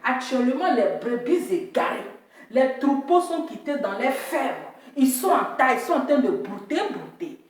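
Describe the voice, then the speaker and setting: A woman's voice: high-pitched, big pitch swings, a little slow. A woman hosting a casual live stream, teasing and laughing as she talks straight to her viewers and repeats herself. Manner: repetitive, teasing, often laughing, addresses viewers directly. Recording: echoey room, voice from far off the mic.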